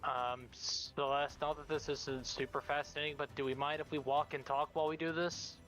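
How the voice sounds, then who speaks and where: A man's voice: fairly high pitch, flat delivery, moderate pace, fairly bright tone, soft background music, rough recording. A man casually role-playing and discussing moves as a tabletop game player.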